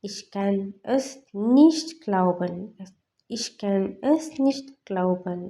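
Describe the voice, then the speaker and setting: A woman teaching a lesson, saying each phrase twice slowly and then explaining its meaning. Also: mid-range voice, lively intonation, warm tone. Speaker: language teacher. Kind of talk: explaining in Malayalam.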